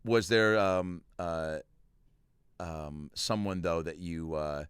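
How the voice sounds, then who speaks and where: Relaxed male podcast host, rambling. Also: low-pitched, slow pace, clean tone, no room sound. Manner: loose, rambling, filler-heavy delivery. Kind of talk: casual podcast chat and ad read.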